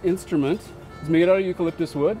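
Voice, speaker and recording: High-voiced man showing an instrument. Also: fairly even intonation, fast, warm tone, faint music behind. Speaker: musician demonstrator. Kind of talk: instrument demonstration.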